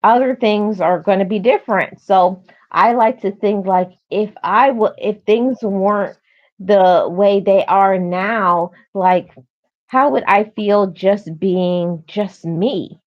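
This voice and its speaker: A middle-aged woman with a medium-pitched voice talks casually as a co-host. She reasons things out in a reflective, halting manner. The recording is a little dull and lo-fi. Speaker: co-host of a chat show. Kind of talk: casual chat. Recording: slightly dull, lo-fi audio.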